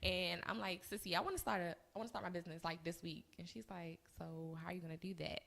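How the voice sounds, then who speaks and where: Young woman with a gravelly low voice. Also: fairly even intonation, fast talker, fairly bright tone. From United States. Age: 20s. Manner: chatty storytelling with laughs. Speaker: co-host and business owner. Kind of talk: casual podcast chat. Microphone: live-streamed recording.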